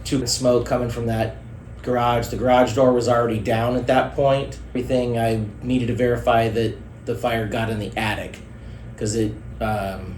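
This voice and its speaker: Fire officer guy going over a call, pretty monotone, hesitant, echoey room. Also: mid-range voice, moderate pace. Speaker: firefighter, engine company officer. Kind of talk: recounting an incident response. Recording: echoey room with faint noise.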